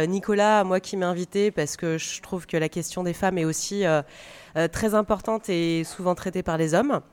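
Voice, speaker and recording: A woman's voice: on the low side, darkish tone, clear, resonant tone. A woman speaking conversationally as a radio panel guest, often searching for her words. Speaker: guest, stage director and drama teacher.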